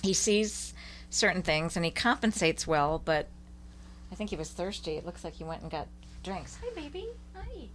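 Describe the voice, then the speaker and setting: A woman co-hosting a podcast in casual chat, playful and quick to laugh. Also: low-pitched, fairly bright tone, a little hiss or hum. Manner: giggly, playful. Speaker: podcast co-host.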